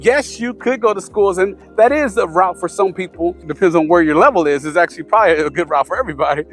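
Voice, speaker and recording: A man's voice: high voice, fast, faint music behind. A man casually giving tips to camera, rambling with many fillers and restarts. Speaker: vlogger sharing language-learning tips.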